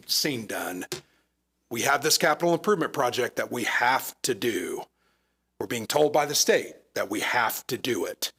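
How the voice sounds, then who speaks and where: Hoarse guy at a town council mic, raspy, kinda gravelly, earnest explaining. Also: medium pitch, pushed and bright. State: losing his voice. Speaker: town manager. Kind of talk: presenting at a council meeting. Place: council chamber.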